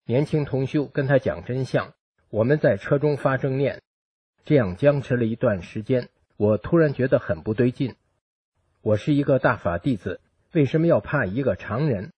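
A man reading a first-person account aloud in a steady, even narrating manner. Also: medium pitch, normal speed, slightly rough, no room sound, muffled recording. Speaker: reader of a personal testimony.

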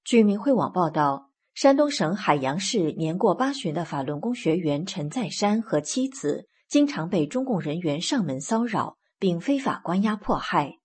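A woman reading scripted news reports in a steady, formal manner. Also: lowish voice, normal speed, few pauses, breathy edge. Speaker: news reader.

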